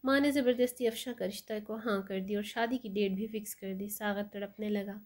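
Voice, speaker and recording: A woman's voice: medium pitch, fairly even intonation, a little fast. A woman storyteller narrating an emotional story in a dramatic, mournful way.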